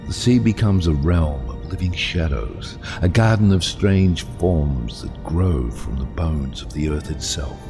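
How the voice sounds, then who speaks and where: A brooding submarine captain in an audio drama, with a very deep voice over prominent music. He speaks slowly and grandly, solemn and bitter. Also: full character voice. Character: brooding, embittered, commanding male submarine captain. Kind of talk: cinematic audio drama acting.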